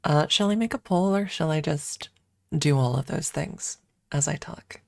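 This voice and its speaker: With a low, creaky, darkish voice at a moderate pace and no echo, a woman streamer muses aloud and chats informally during an ASMR stream. She's recorded on a close microphone adjusted for ASMR.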